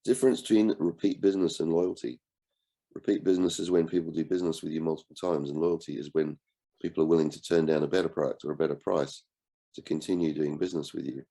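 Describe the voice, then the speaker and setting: A man with a cold and a croaky voice, hosting an online book discussion in a relaxed way and asking his group questions. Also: rumbling low, quick pace. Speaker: book club host and coach.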